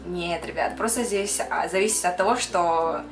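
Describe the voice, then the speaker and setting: A young makeup artist from Kyrgyzstan chats casually to camera, answering viewers' questions, dropping in English words and laughing now and then. Her voice sits on the low side at a normal speed. The room is echoey, with soft music playing behind her.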